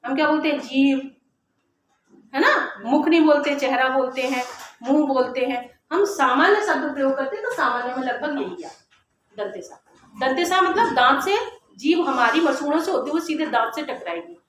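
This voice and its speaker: A woman teacher giving a classroom grammar lesson, explaining step by step and slowly sounding out letters to demonstrate. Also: high-pitched. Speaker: Hindi teacher. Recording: very echoey classroom with faint noise.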